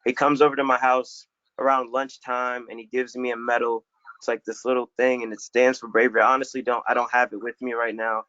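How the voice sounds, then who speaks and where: A man's voice: medium pitch, flat delivery, fairly quick, bright, forceful tone, dry recording. A young man from Florida telling a personal story on a community panel in a reflective, casual way with some slang. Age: young adult. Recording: dull lo-fi dry recording.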